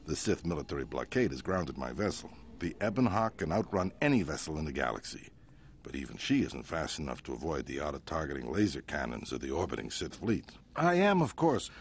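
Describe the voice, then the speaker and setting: An actor playing a smooth, self-satisfied male crime boss who speaks in a grand, smug way. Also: sits low, heavily acted.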